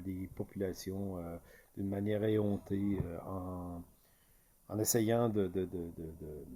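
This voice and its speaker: A man's voice: lowish voice, mellow. A man with a Québécois accent, speaking in a casual commentary full of fillers and restarts. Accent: Québécois French. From Quebec. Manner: hesitant, many fillers and restarts. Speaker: market commentator.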